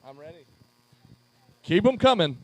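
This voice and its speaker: A man works as emcee at a live charity event in a pub and calls people up to chairs by name. He sounds upbeat and talks on a handheld mic. His voice sits high for a man, and the sound is dry and close. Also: big pitch swings, measured pace, no room sound. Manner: upbeat, calling names to chairs.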